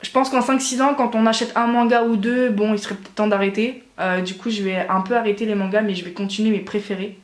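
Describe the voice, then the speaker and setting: A woman's voice: medium pitch, steady tone, quick pace, hardly any pauses. A woman in her twenties answering viewer questions in a casual vlog, chatty and hesitant with many fillers. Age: 20s. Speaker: doll collector vlogger. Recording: echoey room.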